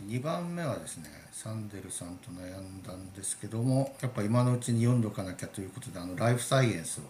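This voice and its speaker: A man with a lowish voice gives short, plain remarks about his book picks. A faint hiss of noise sits under his voice. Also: expressive, quick pace, a little mellow, echoey room. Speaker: book club member. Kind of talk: casual book club chat.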